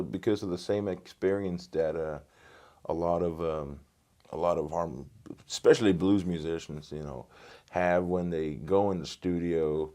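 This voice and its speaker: Here the Norwegian guest, a guitarist and studio engineer, has a low, mellow voice as he fields casual interview questions with plenty of fillers and false starts. He's wearing a lapel mic in a small home music studio.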